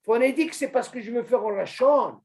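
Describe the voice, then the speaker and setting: A man teaching an informal religious lesson to a small group, animated, asking questions and calling on a student by name. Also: very high voice, a little fast. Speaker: Torah teacher.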